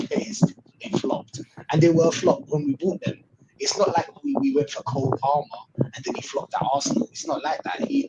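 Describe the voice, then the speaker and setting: A man's voice: fairly high pitch, gravelly. Man on a crackling distorted mic. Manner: animated, ranting, repeats himself. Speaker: co-host on a fan livestream. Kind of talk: casual chat.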